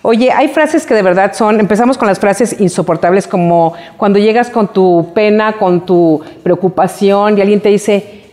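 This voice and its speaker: Woman, co-host, casual chat, expressive, acts out quotes, mid-range voice. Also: mid-range voice, normal speed.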